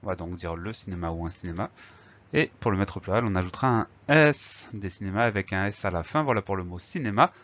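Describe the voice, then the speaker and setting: A man's voice: sits low, animated, fast, a bit bright, highs cut off. A man teaching a spelling lesson, patiently spelling words out letter by letter.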